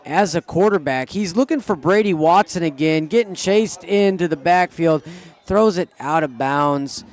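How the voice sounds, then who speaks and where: Eager young man calling the game. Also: on the high side. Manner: eager, pleads with referees, groans at setbacks. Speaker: play-by-play commentator. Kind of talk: live sports commentary.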